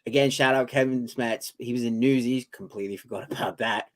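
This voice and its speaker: A man's voice: medium pitch, steady tone, fairly quick. Enthusiastic British man on a podcast. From Britain. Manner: enthusiastic, swears casually. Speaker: co-host. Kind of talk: casual podcast debate.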